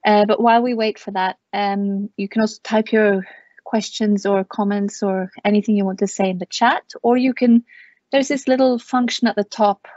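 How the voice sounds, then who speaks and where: A woman hosts an online panel and speaks with plenty of hesitant fillers as she works out her points. The voice sits at an ordinary pitch. The call audio is dry and dull. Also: steady tone, moderate pace, darkish tone, no echo. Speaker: webinar moderator. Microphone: video call.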